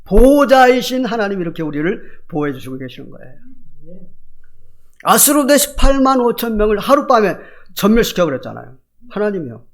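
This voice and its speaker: A man preaching a Sunday sermon as pastor, asking the congregation rhetorical questions and swinging between loud emphatic lines and quiet asides. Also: sits high, very animated, brisk. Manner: colloquial, emphatic delivery.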